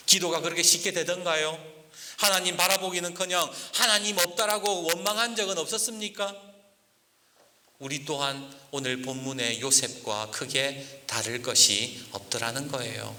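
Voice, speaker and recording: A male pastor preaching a storytelling sermon, lively and acting out the voices of the people in his story. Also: on the high side, normal speed. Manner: lively, acts out quoted voices. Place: church sanctuary. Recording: church hall reverb, faint hiss.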